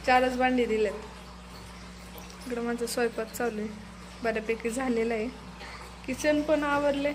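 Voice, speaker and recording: High-voiced teasing mom in noisy kitchen. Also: female voice, fairly bright tone. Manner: playful, teasing, talking to her little daughter. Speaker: mother and vlogger. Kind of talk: casual home vlog chat. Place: home kitchen.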